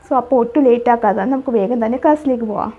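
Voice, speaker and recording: Woman, English teacher; fairly high, husky voice, patient and repetitive, dull lo-fi sound. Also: rapid-fire. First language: Malayalam. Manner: repetitive, patient explaining with restarts. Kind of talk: explaining a spoken English lesson. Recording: dull, lo-fi recording.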